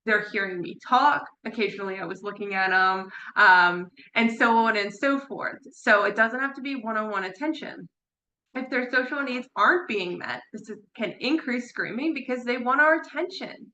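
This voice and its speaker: A woman giving a casual lecture on parrot behavior, her voice pitched a little high and clear, bright and sharp. She leans on repeated words for emphasis and laughs now and then. The room around her rings with echo. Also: slight background noise. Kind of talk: informal online lecture. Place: room at home with her birds. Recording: echoey room.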